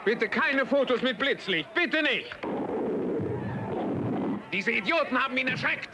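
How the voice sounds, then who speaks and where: A man's voice: very high-pitched, expressive, a little slow. An actor dubbing a frantic man who begs a crowd to stop, in a dubbed film. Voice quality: frantic, pleading. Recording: clear background noise.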